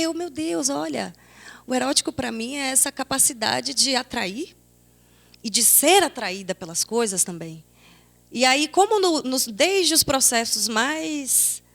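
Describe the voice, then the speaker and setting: A woman's voice: a little high, fairly bright tone. Thoughtful Bahian woman in her twenties. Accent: Bahian Brazilian Portuguese. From Salvador, Bahia, Brazil. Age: 20s. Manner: thoughtful, searching, many restarts. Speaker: panelist, theatre critic. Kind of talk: reflective panel talk.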